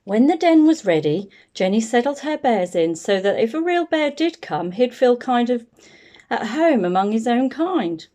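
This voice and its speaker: A woman whose voice is a little high reads a children's picture book out loud in a deliberate, expressive storytelling style.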